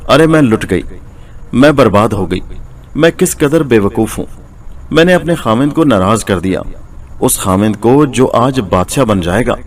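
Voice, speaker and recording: A man voicing a loud-mouthed, easily panicked potter's wife in a storybook tale, in a high, shrill voice. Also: fairly quick, natural voice.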